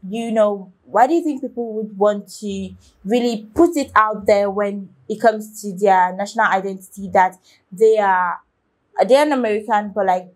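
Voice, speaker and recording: A young woman hosting a reaction video, talking straight to her viewers in a loose, halting way. She has a mid-range voice, restarts her sentences and fills gaps with "um" and "like" as she thinks aloud. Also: mid-range voice. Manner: rambling, halting, with many restarts and fillers; talks straight to viewers, asking their opinion. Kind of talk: casual reaction commentary.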